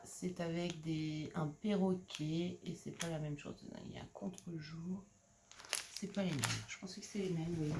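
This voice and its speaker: Middle-aged woman, lowish voice, hesitant chatty haul vlogger; loud wrapper crinkling behind. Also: noisy background. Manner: hesitant, full of "euh" and repeated words while showing items. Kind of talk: casual show-and-tell haul chat. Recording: clear crinkling of packaging and clicks.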